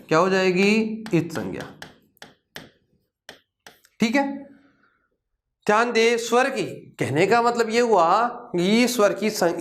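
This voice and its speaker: A man teaching a grammar lesson who keeps asking questions and answering them himself, repeating key terms with emphasis. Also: high-pitched. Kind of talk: classroom lecture.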